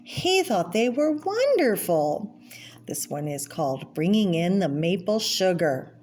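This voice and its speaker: Very animated, with a low, darkish voice, a woman reads a children's picture book aloud over slight background noise. She stops to name the pictures and adds informal explanatory comments about them.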